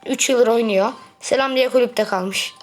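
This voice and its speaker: A woman talking through her matches as a gaming video creator, chatty and quick to get exasperated with teammates. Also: fairly high pitch. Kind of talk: gameplay commentary. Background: background music.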